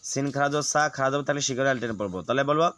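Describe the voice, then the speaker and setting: A man teaching Quran recitation, explaining rules quickly and then reciting words slowly and drawn out. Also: mid-range voice, a bit bright. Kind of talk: spelling-out recitation lesson.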